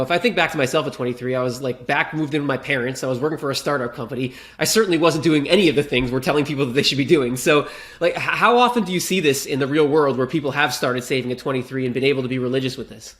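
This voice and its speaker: A man's voice: mid-range voice, very fast, fairly bright tone. A man co-hosting a podcast, asking questions in a casual, candid way. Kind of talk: podcast conversation.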